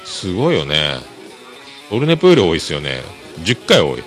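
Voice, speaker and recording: This Kyushu-born podcast host chats on his own in a relaxed, meandering way, packing his speech with fillers. His voice sits low and a bit bright, swinging hugely in pitch at a moderate pace, and music runs clearly under it.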